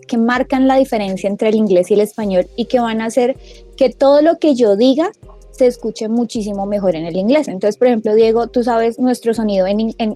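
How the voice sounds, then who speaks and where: A woman's voice: fairly high pitch, mellow. A woman who co-founded a language school, answering questions in a radio interview and patiently explaining pronunciation like a teacher while she sounds out example words.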